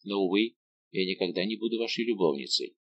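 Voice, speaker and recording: A man reading an audiobook voices a young noblewoman who speaks softly and earnestly. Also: sits low, lively intonation, a little fast, highs cut off, slight background noise. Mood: tender. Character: young noblewoman, tender and resolute.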